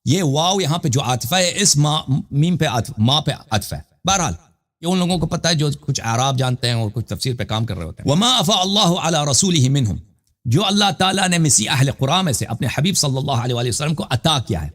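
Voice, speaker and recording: Insistent, bright-voiced cleric. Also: male voice, medium pitch, expressive. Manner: insistent, repeatedly challenging the other to recite the verse; explains grammar in a lecturing tone. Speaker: cleric in a debate. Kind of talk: debate and Quran exposition.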